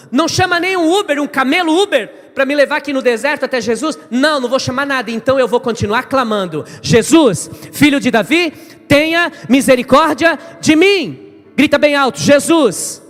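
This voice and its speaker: A male pastor preaching a lively sermon, acting out scenes and voices and rising to shouts at the peaks. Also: very high-pitched, big-room sound. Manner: fervent, acts out biblical dialogue, shouts climaxes. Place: church service.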